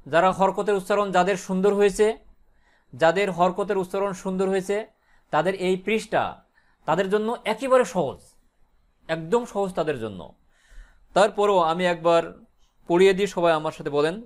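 A man teaching Quran reading, slowly drawing out each syllable in a drill for students to repeat. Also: sits high. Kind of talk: recitation drill lesson.

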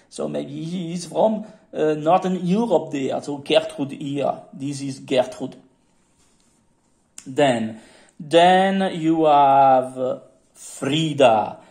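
A man showing off his painted figurines in a casual vlog, talking haltingly with many fillers and playful asides, filmed at his home hobby desk. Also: a little high, creaky, darkish tone. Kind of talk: casual show-and-tell vlog.

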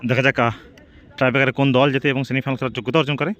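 A man's voice: mid-range voice, fairly even intonation, rapid-fire, a bit bright. A man giving live football match commentary, repeating team names and phrases as he follows each shot. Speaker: football commentator and channel host.

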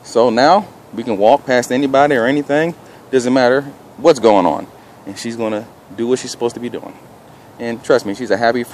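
A man's voice: medium pitch, darkish tone. A man filming himself in an open park, narrating dog training in a casual instructional way and calling out short, firm commands. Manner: calls out short firm commands between explanations. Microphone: handheld camera held by the speaker. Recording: noisy outdoor handheld camera audio. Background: outdoor ambient noise.

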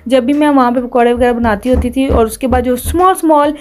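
Chatty woman vlogger, mellow voice. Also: high-pitched, steady tone, fairly quick. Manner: chatty, laughs often between sentences. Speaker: home vlogger and mother. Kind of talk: casual vlog narration.

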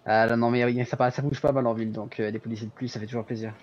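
A man of medium pitch talks at a racing pace with little pitch movement, chatting in an easygoing way while playing a police commander in an online roleplay. It sounds like dull gamer voice chat with background noise.

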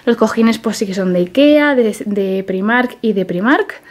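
A young woman chatting casually as she walks through her flat on a handheld phone, laughing often. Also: medium pitch, measured pace. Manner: chatty, laughs often, lists items offhandedly. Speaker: beauty vlogger giving a home tour. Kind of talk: casual home tour walkthrough. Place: small apartment, indoors. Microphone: handheld phone camera.

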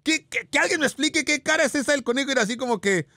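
A man's voice: extremely high pitch, expressive, racing. A man voicing a boastful self-proclaimed Spartan god, teasing and theatrical as he mocks a video. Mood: mocking. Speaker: radio show host character. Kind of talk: mocking video reaction commentary. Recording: noisy background hiss.

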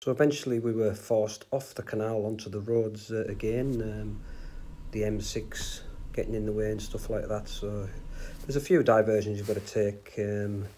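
Middle-aged man, casual bike trip narration, relaxed with fillers, action-cam mic outdoors, faint background noise. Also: lowish voice, normal speed. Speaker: bikepacking vlogger. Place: outdoors on canal towpath.

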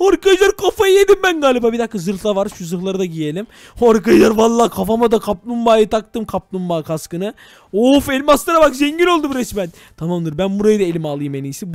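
A young man narrating a Minecraft let's-play to his viewers, excitable and full of exclamations. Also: high-pitched, dry recording. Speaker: gaming YouTuber.

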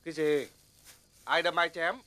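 A man's voice: a little high, steady tone, pushed and bright, clear, resonant tone. An actor playing a bossy male village security chief who barks orders. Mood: brusque. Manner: commanding, quick to bark orders. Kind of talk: TV drama acting.

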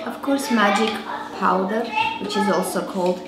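Speaking at a normal speed in a steady, medium-pitched voice, an Armenian-accented woman in her thirties walks through a recipe on her home cooking show, joking with her child along the way. Heavy background noise fills the spacious kitchen, mostly clinking dishes and utensils.

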